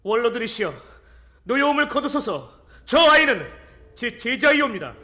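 An actor playing a calm, dignified wizard teacher, respectful yet firm, in a fantasy audio drama. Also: male voice, extremely high pitch, moderate pace, heavily acted.

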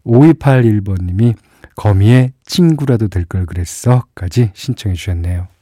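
A man's voice: on the low side, normal speed. A male radio DJ chatting casually on a late-night music show, reading listener messages aloud and chuckling now and then. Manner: relaxed, chatty, reads listener messages with small laughs. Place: radio studio. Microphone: studio microphone.

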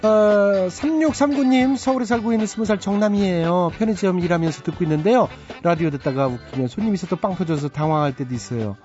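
A man's voice: high-pitched, fast, few pauses, darkish tone. A male radio host reading out listener text messages with chatty, teasing comments. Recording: slightly dull radio broadcast with faint music.

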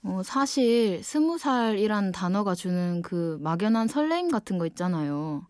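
This clip is a clean, dry studio recording of a twenty-year-old guest DJ on late-night radio, a design student from Ulsan with a Gyeongsang accent. Her medium-pitched voice has a darkish, sing-song quality at normal speed as she offers a candid, reflective monologue.

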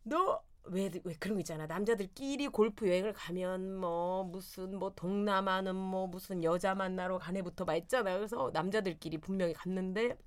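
A woman in her forties telling a story in casual chat, animated and bursting into loud quoted lines. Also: medium pitch, moderate pace, few pauses. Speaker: storyteller guest.

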